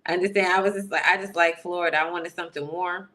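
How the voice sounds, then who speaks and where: A woman's voice: on the low side, steady tone, fast talker, sharp tone. A woman hosting a podcast interview, sassy and upbeat with folksy slang. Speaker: podcast host.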